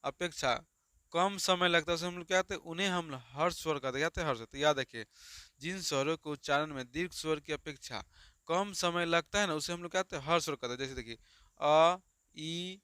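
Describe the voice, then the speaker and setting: A male teacher drills students through a grammar lesson, repeating questions and answering them himself. His voice is bright and crisp, and the recording is close and dry. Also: a little high, fast talker, no room sound. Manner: repetitive call-and-response questioning.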